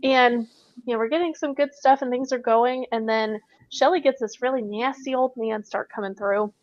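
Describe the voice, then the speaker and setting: A woman with a fairly high voice tells a ghost-hunting story with brisk excitement. Her audio is muffled and lo-fi. The room sounds dead, with no echo. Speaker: paranormal investigator. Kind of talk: casual storytelling in an interview. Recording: dull, dry remote audio.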